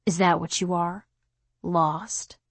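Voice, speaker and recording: A woman voicing a mocking, predatory bald male thug who drawls his taunts and drops to a menacing hush. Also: lowish voice, steady tone, takes it slowly, breathy edge, no room sound, full character voice.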